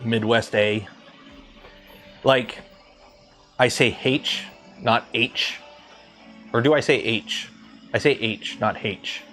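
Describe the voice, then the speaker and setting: A medium-pitched, bright, forceful voice comes from this 3D printing livestreamer, who speaks slowly and pauses often. He is a man in his thirties from Southern Ontario with a light accent from there, rambling casually with lots of fillers as soft music plays.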